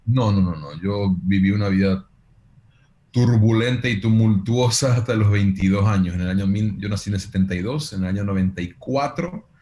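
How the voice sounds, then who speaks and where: A man in his forties, a guest actor and pastor, sharing his testimony in a measured, earnest way over a video call. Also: on the low side, dark tone. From Paraguay. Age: 40s. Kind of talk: testimony in an interview.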